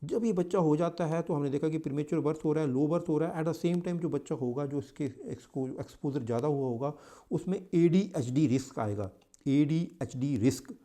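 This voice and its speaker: A man's voice: a little high, normal speed, warm tone. A man with an Indian accent teaching an exam-prep lecture, mixing English terms into his talk and often repeating and correcting himself. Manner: mixes English into Hindi, repeats and self-corrects.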